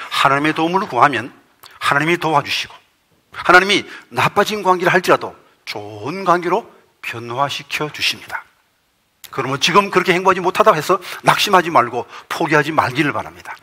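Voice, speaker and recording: A middle-aged man preaching a sermon as pastor, emphatic and rising to forceful peaks. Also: a little high, husky. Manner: reads a quoted testimony aloud in a measured storytelling tone.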